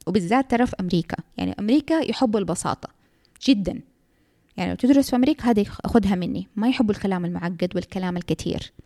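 A young woman, a graduate student, giving frank and lively advice in a casual talk that mixes in English terms. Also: medium pitch, very fast, dry recording, studio quality.

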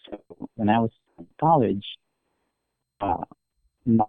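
A man's voice: on the low side, expressive, slow pace, gravelly, no room sound. Man on a choppy breaking-up phone line. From Philippines. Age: 30s. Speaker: caller. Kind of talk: phone-in storytelling. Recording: tinny dry phone line.

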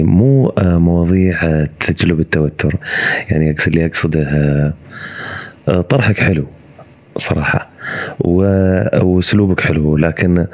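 A man talks on a muffled call-in line. He is polite and hesitant, often pausing to find the next word. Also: very deep voice, darkish tone. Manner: hesitant, polite, searching for words. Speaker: guest calling into a live stream. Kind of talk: casual conversation. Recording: muffled live-stream call audio.

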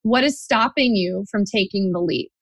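A woman's voice: mid-range voice, moderate pace, no room sound. A woman guest coach answering interview questions in a confident, direct, encouraging way.

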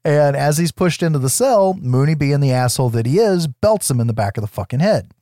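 A man's voice: on the high side, animated, fairly quick, dark tone, no room sound, clean studio sound. A man co-hosting a podcast, telling a film's scenes in casual, profane language. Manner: profane, informal storytelling. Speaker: podcast co-host. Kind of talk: casual scene-by-scene film recap.

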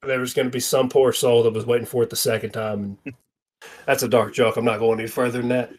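A man's voice: mid-range voice, level tone, fast talker. A man hosting a casual wrestling podcast, laughing often and steering the chat back on track. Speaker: podcast host.

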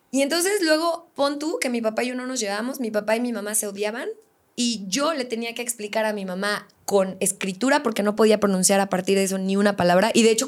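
A Mexican woman as a podcast guest, telling a personal story in lively, slangy casual talk and acting out the quotes. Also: a little high.

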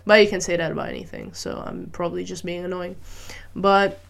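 A woman's voice: fairly low pitch, big pitch swings, brisk, vocal fry. A woman vlogger from Malaysia, talking casually in a rambling way, full of fillers and restarts. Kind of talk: casual monologue.

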